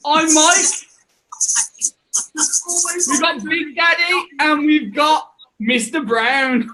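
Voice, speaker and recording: A man's voice: very high voice, fairly even intonation, very slow, bright, forceful tone, low-quality recording. A man co-hosting a casual live-stream chat over a video call, joking and laughing often. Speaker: co-host.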